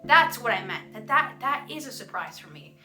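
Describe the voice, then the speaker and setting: Very animated, with a slightly high, pushed and bright voice at a moderate pace, a young adult voice actor fields fan questions. It's a casual vlog Q&A full of bubbly giggles and self-deprecation, recorded with a roomy echo and music playing behind.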